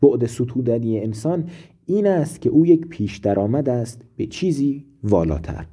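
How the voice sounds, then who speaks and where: A man voicing a raving, ailing philosopher who declaims loudly and grandly. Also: mid-range voice, sing-song, husky. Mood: declaiming.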